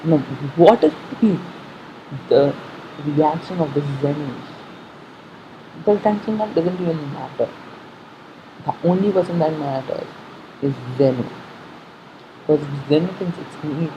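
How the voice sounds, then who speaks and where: This fan talks casually over an episode preview in a mid-range voice, stumbling through their thoughts aloud and often repeating or correcting what they said. The sound is muffled, with a little noise behind it.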